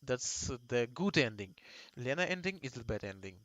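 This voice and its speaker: Young man, halting game talk. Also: mid-range voice, sing-song, a bit bright, dry recording. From Russia. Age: 20s. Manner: halting, with restarts and fillers. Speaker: gaming video host. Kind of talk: casual game commentary and reading a visual novel aloud. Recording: music playing behind the voice.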